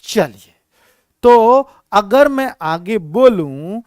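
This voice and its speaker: A man's voice: high-pitched, lively intonation, very slow, darkish tone, clear, resonant tone, no echo, studio quality. A man teaching an exam-prep grammar lesson, calling the students children and often checking that they follow. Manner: addresses students as children, asks checking questions. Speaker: Hindi teacher.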